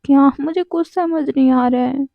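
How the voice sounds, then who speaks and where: A woman voicing a whiny, dramatic young man who complains and pleads loudly. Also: sits high, fairly even intonation, moderate pace, creaky, no room sound, phone-quality sound. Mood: complaining.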